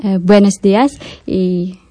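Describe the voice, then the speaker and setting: A young woman from the Philippines with a Filipino accent, speaking halting non-native Spanish as a radio guest, searching for simple words. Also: medium pitch, steady tone, mellow. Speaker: interview guest. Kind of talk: live radio interview.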